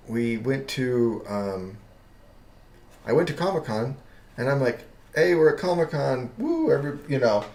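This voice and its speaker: A man's voice: mid-range voice, a little mellow, reverberant. A man chatting casually on his live art stream, rambling and often breaking off mid-sentence with chuckles.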